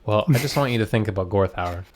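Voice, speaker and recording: A man doing lively, joking commentary on a strategy game match. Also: fairly low pitch, fast, slight background noise. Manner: excitable, joking. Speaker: caster. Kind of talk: esports commentary.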